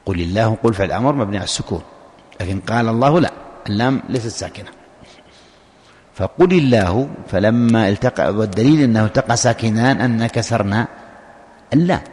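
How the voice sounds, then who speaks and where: A man's voice: fairly low pitch, darkish tone. Man teaching a lesson in a reverberant hall. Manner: explanatory, repeats key points, asks and answers his own questions. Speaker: religious teacher. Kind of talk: classroom lesson explaining a legal text.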